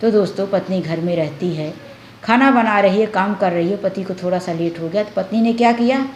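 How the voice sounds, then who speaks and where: A woman's voice: mid-range voice, a little fast, a little mellow. A woman vlogger giving marriage advice, lecturing viewers directly and acting out family quarrels. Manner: preachy, addresses viewers directly as sisters and friends. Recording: echoey room with faint background noise.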